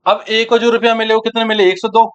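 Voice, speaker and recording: A man's voice: sits high, level tone, fast talker, clean tone, highs cut off. A man teaching an exam-prep maths lesson, working through sums aloud and asking and answering his own questions. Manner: addresses students as friends and brothers.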